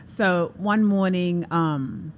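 A woman hosting a talk radio show, telling stories in an animated way, laughing and acting out quotes. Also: fairly low pitch, drawn-out words, slight background noise. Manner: animated storyteller, laughs often, acts out quotes. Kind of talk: casual radio chat.

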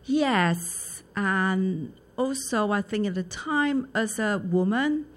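Taiwanese woman speaking halting English. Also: medium pitch, animated. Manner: halting non-native English, short agreeing replies. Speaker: guest, charity founder. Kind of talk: interview answers.

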